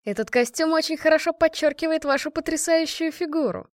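A woman's voice: high voice, brisk, no room sound, studio quality, voice pushed up, lightly acted. A woman voicing a proud, courteous Irish freedom fighter who speaks in a formal, gallant way. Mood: admiring.

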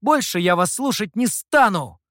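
A reader voicing a desperate, angry young man who shouts in defiance in an audiobook. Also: medium pitch, a little slow, no echo, clean studio sound, voice pushed up, close to an everyday voice. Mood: furious.

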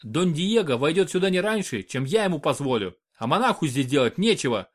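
A man's voice: on the high side, big pitch swings, brisk. A man reading a stern, commanding doctor. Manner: curt, barking orders.

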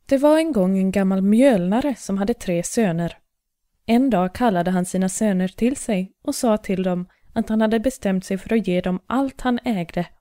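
Mellow woman reading a fairy tale. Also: mid-range voice, dry recording, clean studio sound. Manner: calm, even storytelling. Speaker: narrator. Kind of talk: storybook narration.

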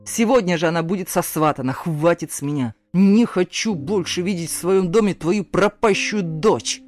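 A woman voicing a furious, abusive middle-aged stepfather who snarls and barks orders, drawing some words out slowly, in an audiobook. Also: deep voice, darkish tone, soft background music. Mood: barking. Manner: snarling, barking orders, slowed hissing.

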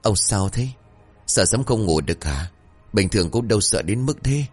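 Casting: an older wife, tired and fussy, voiced by a male narrator, deep tone. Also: lively intonation, normal speed, a little mellow, slightly rough, faint music behind. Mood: concerned. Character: older wife, tired, fussing over husband.

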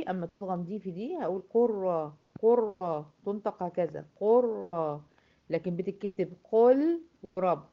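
A woman with an Egyptian accent teaching a Quran recitation class, patiently asking and answering her own questions and repeating each example slowly. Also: medium pitch. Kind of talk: classroom lesson. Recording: dull lo-fi recording.

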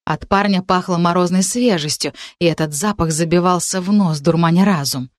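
A woman narrating a first-person audiobook with expressive storytelling. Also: fairly low pitch, moderate pace, no echo, clean studio sound.

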